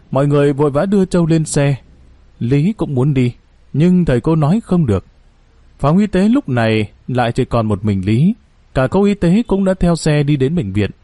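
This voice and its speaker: Man, horror story narrator, dramatic and suspenseful, very expressive pitch. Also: dry recording.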